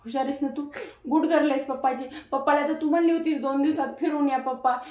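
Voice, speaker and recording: A mother filming a casual home vlog, gently coaxing and prompting her child with short repeated questions. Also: high-pitched, fairly even intonation, quick pace. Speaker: mother and vlogger. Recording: echoey room.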